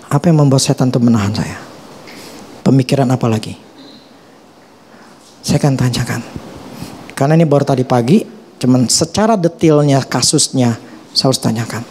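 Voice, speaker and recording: A middle-aged male pastor, preaching a sermon in colloquial, animated speech with sudden rises and drops in pitch. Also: moderate pace, pauses often, a little hiss or hum. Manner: colloquial Jakarta-style slang, animated pitch swings.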